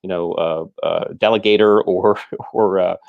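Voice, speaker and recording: A man talking as a guest, explaining his ideas in a measured way with many restarts. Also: low voice, steady tone, vocal fry, narrow, tinny audio. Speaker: guest, former military trainer. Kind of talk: conversational explaining.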